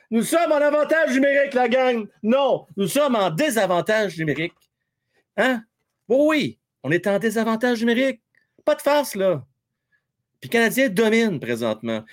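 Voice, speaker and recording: A man with a Québécois accent hosting a hockey livestream from home, excitable and joking, shouting and swearing at big plays. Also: very high voice. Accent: Québécois French. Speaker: fan livestream host. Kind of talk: excited live hockey commentary.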